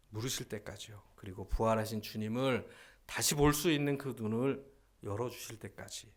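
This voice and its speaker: A male pastor preaching a Sunday sermon in a church sanctuary, emphatic and full of rhetorical questions put to the congregation. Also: lowish voice.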